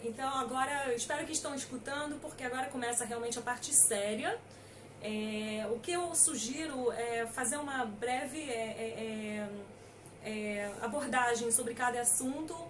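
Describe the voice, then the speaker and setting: A woman's voice: fairly high pitch, normal speed, far from the mic, noisy background. A middle-aged Brazilian woman lawyer giving an informal talk, hesitant with many fillers and emphatic on key points. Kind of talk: informal lecture.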